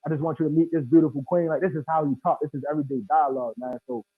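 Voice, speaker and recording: Rapid-fire and husky, this American man in his thirties has a fairly high voice with fairly even intonation. He's in an animated, casual video call from an indoor room, slangy and emphatic, tossing in "bro" often. The online audio is thin and phone-like, with no echo.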